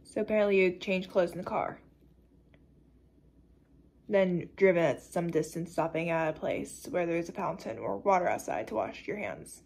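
A woman's voice: fairly low pitch, expressive, normal speed, vocal fry, darkish tone. A woman voicing a curious young woman who keeps pressing with questions, reading a dramatic script. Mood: prodding. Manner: questioning, prodding, incredulous.

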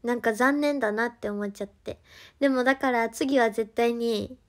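A young woman speaks in a high, light voice with a Kansai lilt. She chats playfully and loosely to her stream, giggling and calling herself by her own name. Her tone is casual and unscripted throughout. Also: fairly even intonation, moderate pace. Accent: Kansai Japanese. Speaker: livestreamer. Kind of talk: casual solo livestream chat.

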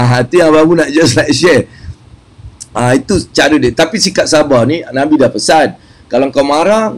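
A man's voice: a little high, husky. A Malaysian man with a Malay accent giving a casual live-streamed business talk, chatty and playful, often laughing and slipping into English. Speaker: business motivational speaker.

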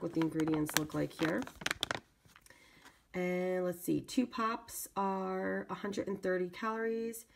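Low, creaky-voiced woman with a cold. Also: background noise. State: congested from a lingering cold. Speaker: video channel host. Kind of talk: casual product unboxing narration.

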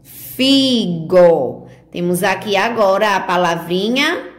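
In a remote handwriting lesson for young children, a Brazilian woman talks preschoolers through each stroke of their letters. She is very unhurried and expressive, with a sing-song, medium-pitched delivery full of gentle diminutives.

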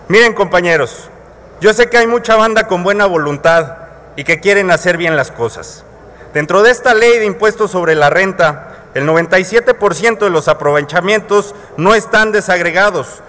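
Mexican guy in his 30s at the podium, high-ish voice, lots of rhetorical questions, big hall reverb. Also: bright, forceful tone. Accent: Mexican Spanish. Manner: colloquial, rhetorical questions to colleagues. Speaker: legislator. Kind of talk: parliamentary floor speech. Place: large legislative chamber, indoors. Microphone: podium microphone. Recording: long reverb of a large hall.

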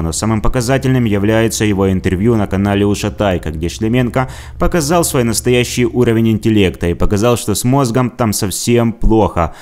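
A man's voice: fairly low pitch, a little mellow. A man narrating a scripted commentary video in a sarcastic, mocking tone. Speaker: video blogger.

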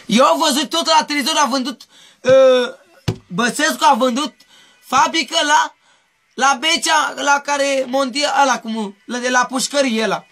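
High-voiced man pleading in circles. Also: sharp tone. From Mehedinți, Romania. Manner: rambling, repetitive pleading. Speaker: interviewee. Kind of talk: street interview.

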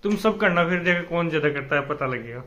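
A man's voice: on the high side, animated, quick pace, dull audio, a crowd in the background. A man filming a casual family vlog on a handheld phone, playfully quizzing and teasing young children. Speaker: family vlogger.

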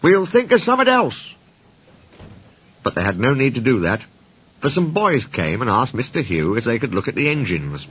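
A man narrating a children's storybook in an expressive, playful way. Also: mid-range voice, a little fast, breathy edge. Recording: reading with background music.

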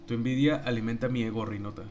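A man's voice: mid-range voice, fairly even intonation, fast, darkish tone, lo-fi sound, slight background noise. A young man with a Mexican accent, a streamer joking and laughing as he reads his chat aloud. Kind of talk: casual live-stream chat.

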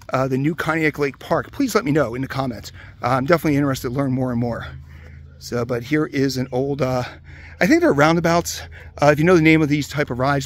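Camera in hand, a Pennsylvania vlogger from near Hershey wanders an old amusement park that has closed, casually noting the rides with plenty of "uh" and "um." His voice is mid-range, and the audio carries a little hiss or hum.

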